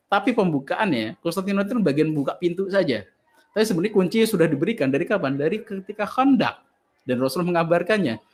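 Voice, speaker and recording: Man giving a lively religious talk. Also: mid-range voice. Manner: animated storytelling, answers listeners' questions. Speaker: ustaz teaching an online study session. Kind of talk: religious lecture with Q&A.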